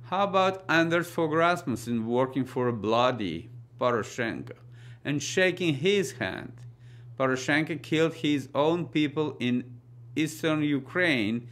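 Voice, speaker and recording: A middle-aged man speaks with a Russian accent at a mid-range pitch. He presents scripted political news commentary. His delivery is very slow and deliberate, read out as a presenter would. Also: fairly bright tone.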